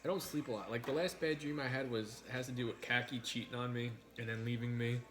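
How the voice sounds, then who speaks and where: A man's voice: mid-range voice, steady tone, fast. A man hosting a casual livestream over a meal, talking in a frank, sweary way. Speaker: livestream host.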